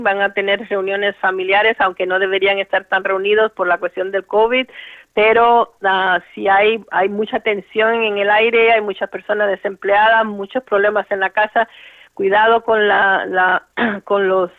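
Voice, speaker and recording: A woman's voice: medium pitch, no room sound. A woman lawyer from Cuba, explaining cases carefully with fillers and restarts in an interview. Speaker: immigration lawyer, guest. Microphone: phone line. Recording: tinny dry phone line.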